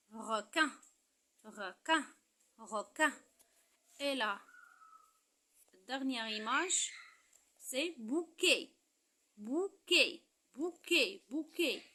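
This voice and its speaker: A Moroccan-accented woman walks young pupils through a lesson at an unhurried pace. Her voice is bright and fairly high, and she repeats each word over and over, leaning on its syllables. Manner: repeats words slowly, stressing syllables. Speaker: teacher. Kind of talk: slow primary-school lesson walkthrough.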